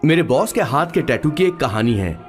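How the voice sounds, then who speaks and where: Jokey young sidekick narrator, lively pitch. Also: male voice, moderate pace. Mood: chatty. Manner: jokey, chatty. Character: chatty young male assistant. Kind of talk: dubbed film narration. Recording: film soundtrack with faint music.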